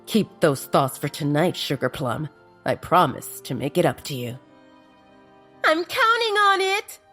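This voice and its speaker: A woman narrating a romance audiobook in a steady, even storytelling manner. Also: low voice.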